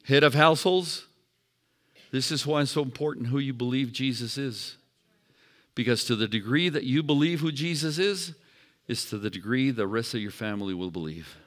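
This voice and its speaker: A middle-aged male pastor preaching a sermon, swinging from hushed storytelling to shouted calls for praise. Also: mid-range voice, lively intonation, normal speed.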